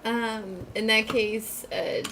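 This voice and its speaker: A woman's voice: on the high side, steady tone, takes it slowly. A woman chatting casually as a player in a tabletop role-playing game. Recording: noisy room recording.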